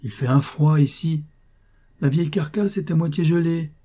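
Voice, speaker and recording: A man reading aloud and voicing a shabby, sly old male bailiff's clerk who talks in a wheedling, grandly flattering way. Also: a little high, normal speed, pitched above the performer's own voice, close to an everyday voice. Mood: sly, jovial.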